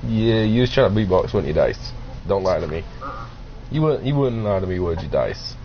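Casting: male game streamer, low voice, teasing and bossy, muffled lo-fi mic with faint hiss. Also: lively intonation, moderate pace. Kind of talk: casual gaming chat.

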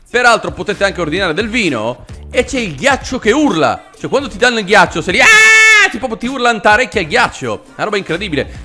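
Male reaction host, fairly high lively voice, sarcastic and exasperated, faint music underneath. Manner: sarcastic, exasperated, mock outrage. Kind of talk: casual comedic commentary.

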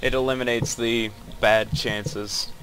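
A man's voice: mid-range voice, level tone, takes it slowly, background noise. A man chatting casually with friends while playing a shooter game, mumbling asides into a headset mic. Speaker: gamer chatting with teammates. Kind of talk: casual gaming chat.

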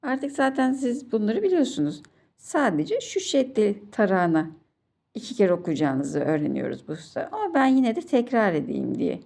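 A woman's voice: mid-range voice, very animated, moderate pace, creaky, a little mellow. A woman teaching children to read Quranic letters, patiently drilling syllables one by one and repeating each sound. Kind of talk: slow children's recitation lesson.

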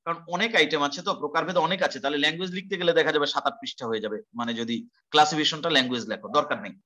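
A male teacher lectures an online class in a high, bright voice. He talks quickly, with a forceful edge. He explains step by step, repeats key terms and poses questions to his students.

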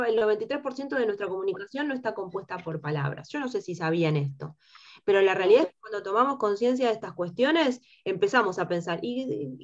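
A woman with an Argentine accent and a high-pitched timbre, teaching a workshop class and checking in with her students through rhetorical questions. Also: highs cut off. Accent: Argentine Spanish. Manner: explains with rhetorical questions and frequent tag "¿sí?". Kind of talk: lecture to students.

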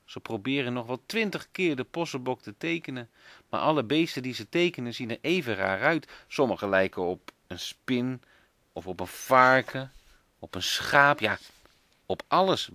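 A man's voice: medium pitch, no echo. A man reading a children's book aloud as a parent, telling it expressively. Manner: expressive storytelling.

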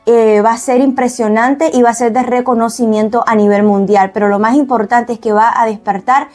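Higher-voiced woman reading tarot. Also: steady tone, a little fast, a little mellow, soft background music. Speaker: tarot reader. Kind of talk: spoken tarot prediction. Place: indoors at a tarot table.

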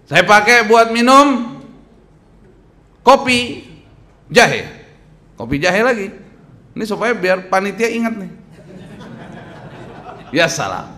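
A bright, forceful-sounding man in his thirties preaches from a lectern into a stand mic, his voice sitting a little high for a man. He keeps quizzing the crowd and slipping in jokes as he goes. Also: takes it slowly, long pauses. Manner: animated, quizzing the crowd, joking. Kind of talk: lively sermon with audience questions. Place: mosque hall lecture at a lectern.

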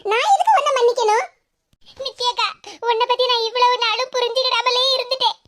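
A woman voicing a young village woman in an animated cartoon, speaking with a Kanyakumari Tamil accent in a very high, sped-up cartoon voice. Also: a little fast. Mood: pleading. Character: young village woman, tearful and affectionate sister.

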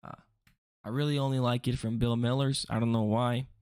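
A man's voice: medium pitch, level tone, a little fast, darkish tone, smooth, no echo, studio quality. A young man rambling through a casual commentary video, joking and interrupting himself often. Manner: rambling, self-interrupting, jokey asides. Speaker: vlogger.

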